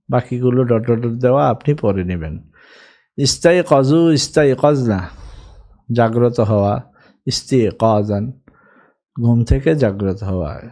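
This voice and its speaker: A man's voice: mid-range voice, mellow. A man teaching an Arabic grammar lesson, patiently drilling verb forms one by one.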